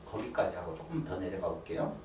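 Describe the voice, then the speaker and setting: Lively middle-aged pastor in a roomy church. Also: male voice, deep voice, quick pace, slight background noise. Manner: animated, coaxing listeners to answer. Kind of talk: lively sermon with questions to the congregation. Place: church sanctuary. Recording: roomy sound from a distant mic, faint ambience.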